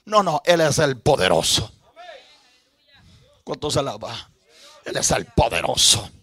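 A male pastor preaching an impassioned sermon, rising to shouts and calling out to the congregation. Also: medium pitch, very animated, a little slow, slightly rough.

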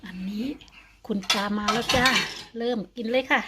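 A woman's voice: fairly high pitch, fairly even intonation, normal speed, heavy background noise. An older woman, narrating a home cooking vlog and chatting to viewers like friends. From Thailand. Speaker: vlogger. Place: home kitchen.

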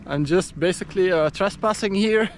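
A man in his thirties from Belgium walks around an outdoor stadium and its corridors, chatting like the travel vlogger he is and laughing often. His voice sits high and his pace is moderate. A little hiss or hum comes through from the action camera he holds at arm's length.

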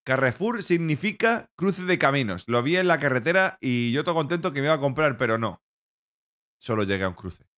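A man's voice: medium pitch, animated, a little fast, fairly bright tone. A man from Spain streaming live, chatting casually and joking, with playful mock-French and bits of other languages. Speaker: Twitch streamer.

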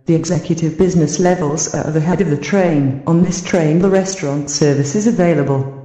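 A woman gives train station announcements, calm and measured. Her voice is mellow and fairly low. It echoes through a reverberant hall. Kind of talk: formal scripted announcement.

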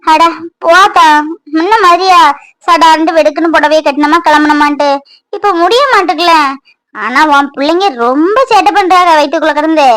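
A woman's voice: extremely high pitch, normal speed, fairly bright tone, no room sound. A woman voicing a chatty, playful pregnant young wife in a cartoon, who talks to her unborn baby.

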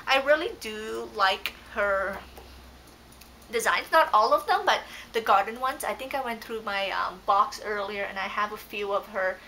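Sitting indoors on her couch, a young cross-stitch vlogger whose first language is Dutch chats through her craft haul, rambling with ums and self-corrections. Her mid-range voice is pushed and bright at normal speed. The fixed, close-range camera gives low-quality audio with slight background noise.

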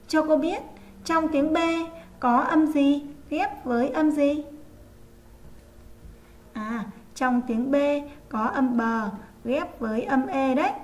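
A woman teaching an online first-grade reading lesson, sounding out letters slowly and clearly for young pupils. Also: high-pitched, a little hiss or hum. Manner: slow, clear, drawn-out pronunciation of sounds. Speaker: primary school teacher.

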